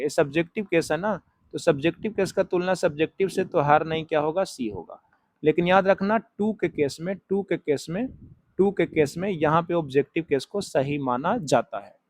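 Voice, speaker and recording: A man with a fairly high voice teaches an exam-prep grammar class. He explains each point step by step, stretches out key words slowly, and keeps asking questions he answers himself. The sound is close and dry. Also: dry recording. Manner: writes on a board while talking. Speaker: English teacher.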